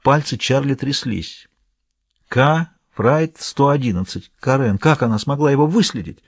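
A man narrating an audiobook in a measured, steady reading voice. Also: mid-range voice, breathy edge, no room sound, clean studio sound. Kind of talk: scripted narration.

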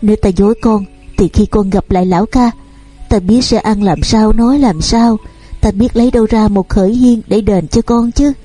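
A woman's voice: mid-range voice, normal speed, mellow, husky, soft background music, natural voice. A woman reading the part of a stern, grieving older mother who scolds and pleads insistently. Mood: pleading.

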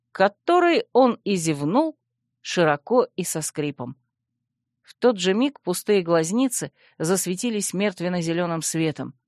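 A woman narrating a fantasy audiobook in first person, wry and expressive. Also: mid-range voice, dry recording, clean studio sound.

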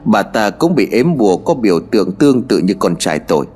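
A man's voice: fairly low pitch, sing-song, brisk, darkish tone, husky, soft background music. A man voicing an earnest, troubled middle-aged father who speaks with weary sighs, in a spoken horror story. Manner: sighing, earnest.

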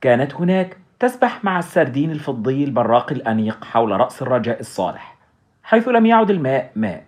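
A man narrating an audiobook story in a steady, dramatic way. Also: mid-range voice, fast talker. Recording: dull lo-fi recording.

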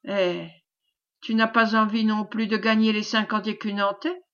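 A woman's voice: mid-range voice, flat delivery, normal speed, fairly bright tone, lo-fi sound, natural voice. A woman voicing a jovial male knight with a round, good-natured voice, teasing and laughing.

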